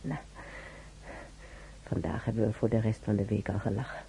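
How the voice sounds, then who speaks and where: Her voice is very deep and dark, her tone level, and her speed normal. The woman plays a talkative, wry old former maid lying in a hospital in a radio drama, wandering off colloquially and muttering to herself in a wistful mood. The old radio recording carries clear noise.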